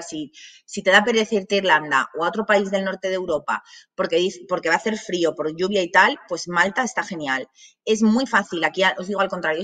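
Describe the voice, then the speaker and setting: A woman from Spain leads an informal masterclass, her voice bright and clear. She talks in loose, restarting sentences. She keeps checking in with her listeners as she goes. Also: lowish voice. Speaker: presenter of a work abroad programme masterclass. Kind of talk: informal spoken presentation.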